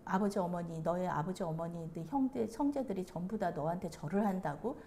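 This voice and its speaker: A woman's voice: fairly low pitch, fairly quick, mellow, a little hiss or hum, voice pushed down, lightly acted. Woman doing an angry scolding old father. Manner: scolding, incredulous.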